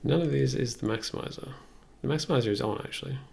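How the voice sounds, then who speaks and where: A man in his thirties talks fast in a mid-range voice with a gravelly, creaky quality. As he works on a music production livestream, he thinks aloud casually and with some hesitation. The clip has faint noise and keyboard and mouse clicks.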